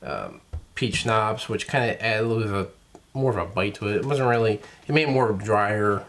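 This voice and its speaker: A man's voice: lowish voice, expressive, a bit bright, slight background noise. A man in his thirties, a guest cocktail creator, chatting casually and agreeably. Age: 30s. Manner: agreeable, quick, laid-back. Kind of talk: casual chat.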